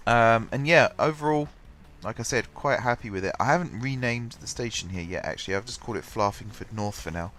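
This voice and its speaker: Faint music accompanies a gaming channel host whose stuffy, cold-stricken voice is medium in pitch, a bit bright, and fairly quick with hardly any pauses. He rambles casually about his game, often saying um and restarting.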